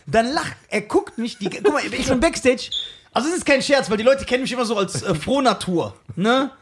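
A man's voice: very high voice, a little fast, noisy background. A man hosting a podcast who teases his guest in a casual chat and laughs a lot. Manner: excitable, teasing, laughs a lot. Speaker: podcast host.

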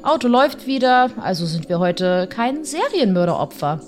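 A man's voice: very high-pitched, sing-song, normal speed, soft background music, pitched above the performer's own voice. A woman voicing a teasing, easygoing young adult brother who keeps joking and holding back laughter. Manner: cheeky, joking, half-suppressing laughter. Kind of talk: read-aloud horror story dialogue.

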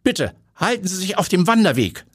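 A man's voice: sits high, very animated, normal speed, husky, voice pushed up, heavily acted. A man voicing a haughty woman in her early fifties who talks down to people in clipped sentences. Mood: condescending. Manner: clipped, condescending, then flustered.

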